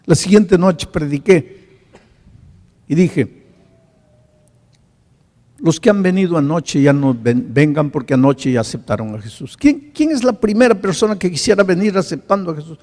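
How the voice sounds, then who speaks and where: A male pastor telling a story in a sermon, swinging from hushed to loud. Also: a little high, moderate pace, long pauses, big-room sound.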